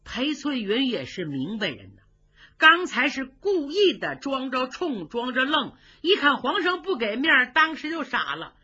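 A woman's voice: high-pitched, sing-song, unhurried, bright, forceful tone, husky. A woman telling a traditional story in a vivid, rhythmic manner, voicing sound effects. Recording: dull lo-fi recording.

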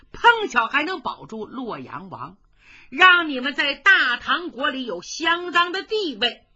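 A sly young general full of swagger, as a woman storyteller puts him on, jumping from high boasts to low sneers with a lively bright edge. The sound is dull and a little lo-fi. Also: full character voice. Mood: persuasive. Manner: cocky, taunting, quick-talking.

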